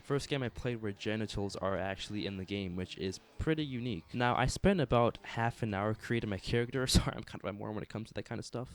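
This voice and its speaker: A young man with a slightly low voice narrates a game review. He sounds conversational and frank, reading a casual script with some crude, offhand phrasing.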